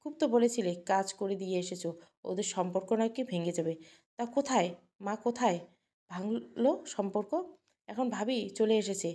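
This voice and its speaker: A woman's voice: mid-range voice, moderate pace, warm tone, close to an everyday voice. Scheming jealous aunt, whiny and resentful, done by a woman narrator in an audio story. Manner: whining, resentful, complaining. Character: bitter scheming aunt, jealous for her son.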